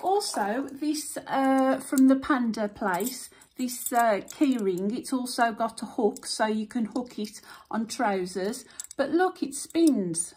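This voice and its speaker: A woman's voice: fairly high pitch, takes it slowly, few pauses, darkish tone, breathy edge. A woman vlogging at home in a casual, chatty way, thinking aloud with fillers as she shows things and tastes food. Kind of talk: casual chat.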